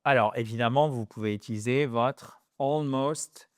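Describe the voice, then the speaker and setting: Male English tutor, playful and animated; smooth voice, dry close recording. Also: mid-range voice, normal speed, dry recording. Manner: animated, playful, shifts between French and English examples. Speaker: English teacher. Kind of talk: lively language lesson.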